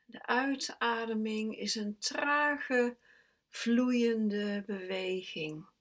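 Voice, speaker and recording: Very slow, soft-spoken woman guiding meditation. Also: on the high side. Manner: slow, soft, calm instructions, at times sinking to a whisper. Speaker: meditation guide. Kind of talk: guided breathing meditation.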